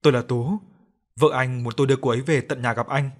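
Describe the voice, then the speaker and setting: A man's voice: medium pitch, steady tone, fast talker, close to an everyday voice. A man playing a weary young man. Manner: tired, subdued.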